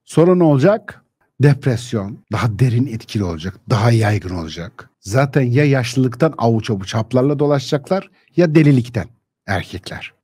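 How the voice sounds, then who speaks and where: A man's voice: mid-range voice, expressive, a little fast, warm tone, breathy edge, dry recording. A man giving a heated spoken monologue, combative and scornful, firing rhetorical questions and blunt slang straight at his listeners. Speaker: lecturer on social issues.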